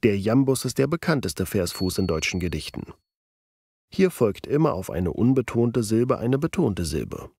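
A man narrating a scripted educational video, explaining clearly and deliberately. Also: fairly low pitch, very animated, a little mellow, no echo. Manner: clear, deliberate explaining, slowing down to read verse with stressed syllables.

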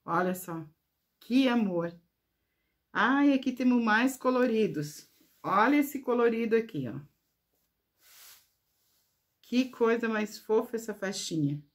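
A woman's voice: medium pitch, darkish tone. A woman showing her handmade crafts to viewers in a casual vlog, gushing with praise and often calling out to her audience. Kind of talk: casual show-and-tell vlog.

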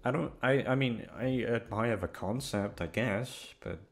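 Speaking unhurriedly at medium pitch with vocal fry, a man creating audio content rambles casually to his listeners. He is hesitant, self-deprecating and prone to swearing.

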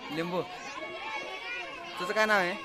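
Walking through an outdoor village market, a vlogger with a high-sitting voice, fairly even intonation and measured pace tours a school children's market. He asks short, friendly questions and repeats the answers back, while a crowd of children creates busy noise around him.

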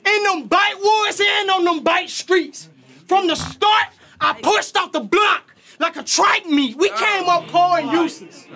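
A man with a Southern US country accent performing aggressive battle rap, shouting his bars at a live event. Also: very high-pitched. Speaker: battle rapper.

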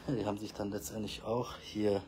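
A man with a fairly low voice chats fondly to his viewers and the kittens on his balcony, now and then scolding a rowdy one. He is recorded on a handheld phone outdoors. Clear outdoor noise runs under his voice throughout. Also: little pitch movement, a little fast, darkish tone. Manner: fond, chatty, talks baby-talk to kittens and scolds them. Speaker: cat rescuer filming his balcony cats. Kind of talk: casual vlog talk to viewers and cats.

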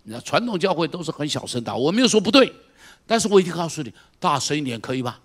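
A middle-aged man preaching a sermon as pastor, moving from quiet storytelling to shouted exhortation and firing questions at the congregation. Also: on the high side, very animated, very fast. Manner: asks the congregation repeated direct questions.

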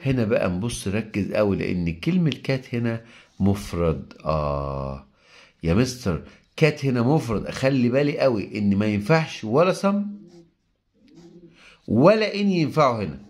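Male English teacher with an Egyptian Arabic accent, somewhat low voice, patient step-by-step explainer who reads example sentences slowly. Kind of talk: recorded grammar lesson.

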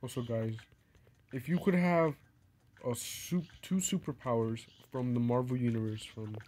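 A sick, coughing young man with a mid-range, darkish voice talks at a measured pace, with a little hiss or hum from a phone screen recording. The gaming vlogger narrates his game casually, rambling in a playful, self-mocking way.

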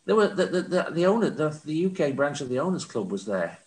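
A man's voice: on the high side, big pitch swings, a little fast, darkish tone. Man on a roomy video call. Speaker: panel member. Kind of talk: casual chat.

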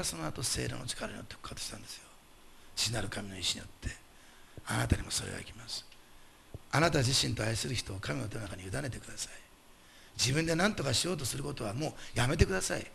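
Gravelly, fast-talking male pastor preaching. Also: fairly high pitch. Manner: animated, emphatic preaching with rhetorical questions to the congregation. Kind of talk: sermon.

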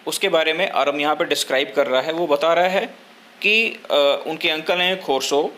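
A young man, explaining a story line by line in a lesson, pausing often with fillers. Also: on the high side, pushed and bright. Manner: slow, hesitant explaining with frequent filler pauses. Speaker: teacher.

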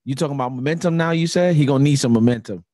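A man co-hosting a podcast in casual chat, relaxed and slangy, often dropping "you know what I'm saying.". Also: mid-range voice, racing, dry recording, studio quality. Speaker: podcast co-host.

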